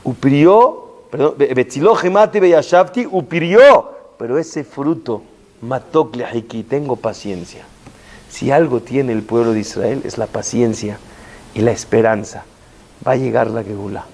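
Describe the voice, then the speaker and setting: A rabbi giving a Torah lesson, telling stories with lively rises and falls and chanting Hebrew verses slowly. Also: male voice, medium pitch, creaky. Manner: animated storytelling, voice rising and falling with emphasis.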